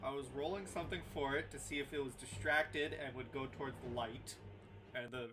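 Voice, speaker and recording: A man's voice: mid-range voice, fairly quick, fairly bright tone, slight background noise. A man narrating as game master of a tabletop game, playful and teasing with his players.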